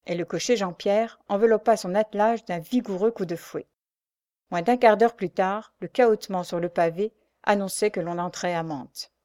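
Calm woman narrating a novel. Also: mid-range voice, no room sound, clean studio sound. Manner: calm, measured storytelling. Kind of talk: scripted audiobook narration of a novel.

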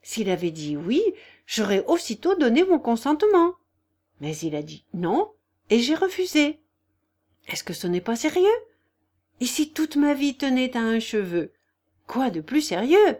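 A woman's voice: fairly high pitch, sing-song, unhurried, voice pushed up. Nastasia Filipovna, imperious hostess read by a woman. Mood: indignant. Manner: commanding, raised and loud.

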